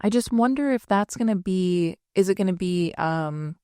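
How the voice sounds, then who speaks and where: A woman's voice: on the low side, animated, moderate pace, mellow, smooth, dry recording. Chatty woman co-host, dry sound. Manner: chatty, peppered with "like". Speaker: podcast co-host. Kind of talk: casual chat.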